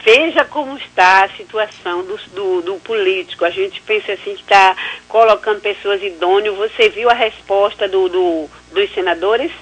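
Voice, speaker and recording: A woman's voice: medium pitch, moderate pace, husky. A woman calling in to a radio show, heard over the phone line, talking in an indignant, preachy way with frequent stumbling restarts. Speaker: radio call-in listener. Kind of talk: caller's comment on a radio show.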